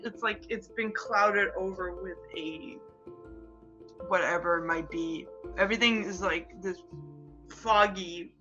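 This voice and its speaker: A woman's voice: mid-range voice, slow pace, sharp tone, highs cut off, faint music behind. A woman narrating a tabletop game as game master, with rambling descriptions full of fillers.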